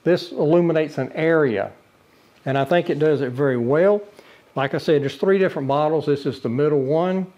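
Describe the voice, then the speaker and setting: This older man reviews a camping lantern in a relaxed indoor demo, his brick living-room wall behind him. He speaks plainly at normal speed in a fairly high voice, often saying uh and starting over, and the highs in the audio are cut off.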